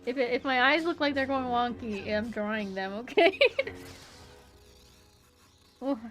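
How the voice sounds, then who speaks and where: A woman's voice: on the high side, a little slow, a bit bright, faint music behind. A woman streamer reacting to a show, emotional and exclamatory, apologizing between outbursts. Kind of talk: live reaction commentary.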